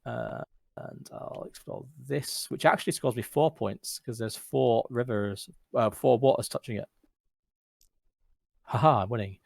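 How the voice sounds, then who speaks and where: A man talking friends through a board game's rules with a teasing, sweary humour. His voice sits at an ordinary middle pitch. The sound is dry and close, with no room around it. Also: measured pace, vocal fry, a little mellow, no echo. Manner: joking, sweary, guiding others through the rules. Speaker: rules explainer in a board game session. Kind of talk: casual gaming chat over voice call.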